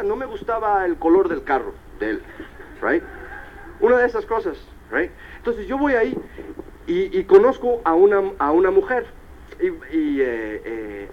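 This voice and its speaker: A man's voice: high voice, a little hiss or hum. A man giving a motivational seminar talk, telling stories with animation and slipping into English. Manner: animated storyteller, slips into English. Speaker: motivational speaker. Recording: dull old cassette tape.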